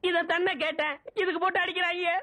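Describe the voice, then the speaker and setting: Whiny naive village helper. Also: male voice, very high-pitched, flat delivery, a little fast, bright, forceful tone. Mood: earnest. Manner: whiny earnest questioning. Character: naive young village helper, silly questions. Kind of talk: film comedy scene dialogue.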